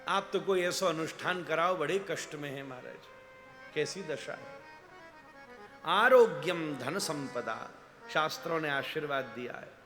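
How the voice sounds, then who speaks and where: High, bright-voiced man preaching in a hall. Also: fairly even intonation, normal speed. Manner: storytelling with acted quotes, rising and falling emphasis. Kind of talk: Hindi devotional sermon. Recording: long hall reverb with soft instrumental music.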